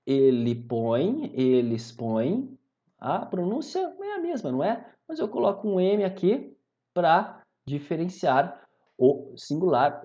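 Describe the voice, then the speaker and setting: Brazilian guy teaching grammar, bouncy pitch, kinda muffled recording. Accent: Brazilian Portuguese. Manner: animated, repeats "maravilha?" and "tá?" to check in with students. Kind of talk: classroom video lesson.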